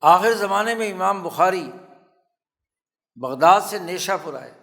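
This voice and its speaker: A man with a Pakistani Urdu accent, a religious scholar giving a formal hadith lecture, telling the story in a slow, measured way and repeating key phrases for emphasis. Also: high-pitched, animated, gravelly, a bit bright. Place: lecture hall at a religious institute. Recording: long hall reverb.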